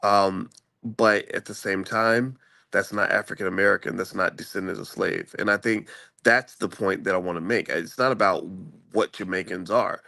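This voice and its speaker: This man's low-pitched, gravelly voice is pushed and bright, with a steady tone and moderate pace, and there's no room sound. As a channel host on the road, he's in a room before a flight, rambling through a casual political chat with many restarts.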